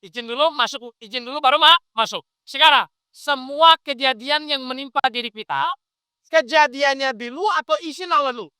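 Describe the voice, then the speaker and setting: A man's voice: very high voice, normal speed, dry recording, clean studio sound. A man preaching an interactive sermon, asking his listeners question after question as he explains. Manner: animated, quizzes the audience with questions.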